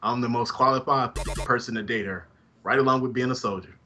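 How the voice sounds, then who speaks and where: A man's voice: mid-range voice, a little fast, pushed and bright. A man from Alabama co-hosting a casual fan podcast, with crude, teasing banter. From Alabama, United States. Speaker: podcast co-host. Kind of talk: casual fan podcast chat, reading listener messages.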